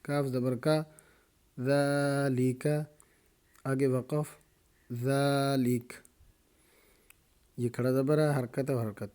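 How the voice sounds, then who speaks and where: A male Quran reading teacher with a Pakistani Urdu accent guides beginners through a reading drill. He spells each syllable slowly and then explains the rules. His voice is dark and mellow, with an even, flat delivery. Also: mid-range voice.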